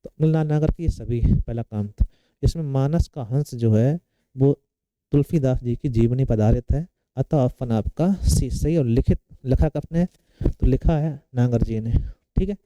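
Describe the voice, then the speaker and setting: Male coaching teacher, deep warm tone, dry close recording, repetitive question-and-answer drilling. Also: moderate pace, smooth, no echo, lo-fi sound. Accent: Hindi. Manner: asks a question then answers it himself, repeating key words. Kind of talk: exam-prep Hindi lecture.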